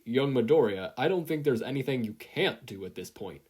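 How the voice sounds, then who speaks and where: In audiobook-style character acting, a performer with a husky, slightly mellow mid-range voice speaks expressively at normal speed. He voices a hearty, fatherly older male superhero mentor, proud, encouraging and declamatory.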